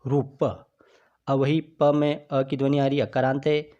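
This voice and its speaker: A man's voice: medium pitch, little pitch movement, measured pace, warm tone, lo-fi sound. A man teaching a grammar lesson, patiently explaining and then answering his own questions.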